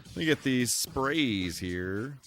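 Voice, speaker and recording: This is casual live gaming commentary from a man with a mid-range, slightly bright voice who takes things slowly and speaks expressively. He talks with viewers, adding playful exclamations and sing-song asides, while music plays and slight background noise lingers.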